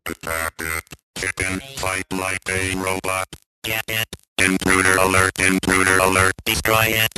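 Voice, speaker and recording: Stern security robot, a man voicing it, very deep, flat monotone, crunchy digitized arcade speech under loud noise. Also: measured pace. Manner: barking commands in clipped phrases. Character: stern male security robot guarding a maze. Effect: crunchy early digitized speech. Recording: noisy digitized arcade game sound.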